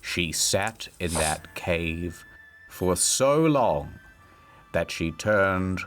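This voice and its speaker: A man tells a comedic history story in a low voice. His delivery is wry and theatrical, with sudden leaps up and down in pitch. Faint music plays underneath. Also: animated, extremely slow, fairly bright tone. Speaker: video narrator. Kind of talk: comedic scripted narration.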